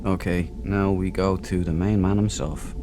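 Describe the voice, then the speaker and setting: A gaming host delivers casual, playful let's play commentary in a low-pitched, flat voice at a moderate pace, tossing in chatty, joking asides. Game ambience sits clearly under his voice as background noise.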